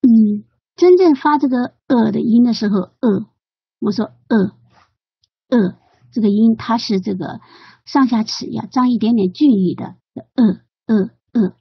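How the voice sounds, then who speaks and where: Husky halting woman explaining pronunciation. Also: fairly high pitch, dry recording, dull audio. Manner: hesitant, many fillers, repeats drill words slowly. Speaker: English pronunciation learner. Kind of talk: recorded study notes on pronunciation.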